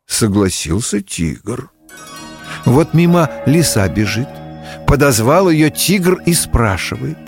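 A man narrating a fairy tale as a storybook reading, slow and expressive. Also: mid-range voice, faint music behind.

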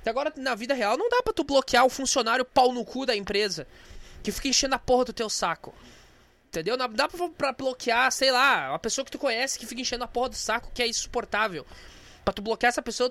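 A young man with an unusually high voice vents in a rapid, breathless rush. His monologue is angry and indignant, thick with swearing. It is a casual vlog rant delivered straight to the camera. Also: animated, vocal fry, pushed and bright, no room sound. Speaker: vlogger. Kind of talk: profane venting monologue.

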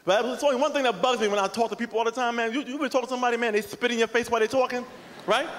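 Very high-pitched, fast-talking male stand-up comedian. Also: steady tone, a bit bright. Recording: echoey hall, faint noise.

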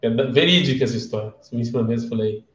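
Racing along at medium pitch, a Brazilian man with a Brazilian Portuguese accent tells stories and questions his listeners in a chatty live-streamed class. The recording is reverberant and lo-fi.

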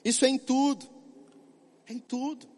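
High-pitched middle-aged male pastor, emphatic sermon, rhetorical questions, long church reverb. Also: flat delivery, moderate pace, a little mellow. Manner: emphatic, asks and answers his own questions.

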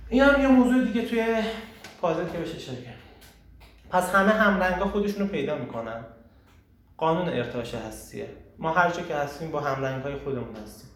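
A man hosting a casual group talk on personal growth, animated and emphatic, often asking rhetorical questions. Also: a little high. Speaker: host leading a group discussion. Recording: echoey room, far from the mic, faint noise.

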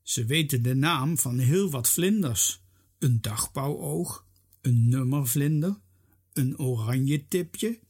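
A narrator reading a children's story aloud with lively expression. The voice is husky and unhurried. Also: mid-range voice.

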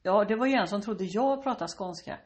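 A woman in improvised comic banter, rambling, teasing and swearing freely. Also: mid-range voice.

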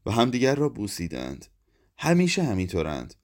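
A man narrating a literary short story in a measured, even reading voice. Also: lowish voice. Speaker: audiobook narrator. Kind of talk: scripted narration.

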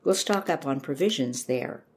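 A woman reading the lines of a kind, thoughtful father who is a country doctor, with a calm, measured delivery. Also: sits low, slight background noise. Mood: gentle.

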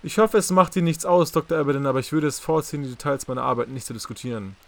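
Upset woman scientist in an audiobook, higher, louder, insistent, as a male reader puts her on. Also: fast, gravelly, husky. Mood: indignant. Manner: raised, insistent, stumbles when upset. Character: indignant young woman scientist, guarded. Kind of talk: audiobook character reading.

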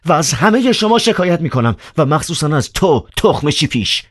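A man doing a shrill, furious young poet. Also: lively intonation, a little hiss or hum, close to an everyday voice. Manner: shouting high and harsh, insulting. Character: furious young male poet, 23, indignant and insulting.

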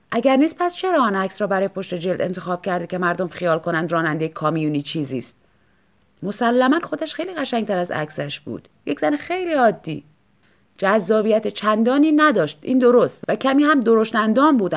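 A woman reading an audiobook story in an expressive, lively manner. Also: medium pitch. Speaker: audiobook narrator. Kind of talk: scripted narration.

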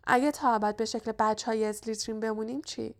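A woman's voice: fairly high pitch, steady tone, natural voice. A woman narrator voicing a mocking, hot-headed young schoolboy wizard who talks in a sarcastic, indignant way.

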